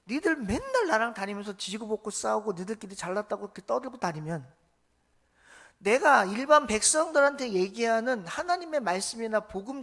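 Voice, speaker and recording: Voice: medium pitch, fairly bright tone. Blunt, slangy scolding teacher figure, a preacher doing him in a sermon. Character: Jesus scolding his bickering disciples, blunt and colloquial.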